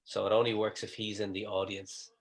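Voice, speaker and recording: A man's voice: on the low side, level tone, a little fast. A man, a comedian, telling stories in casual livestream chat and mimicking the people he quotes.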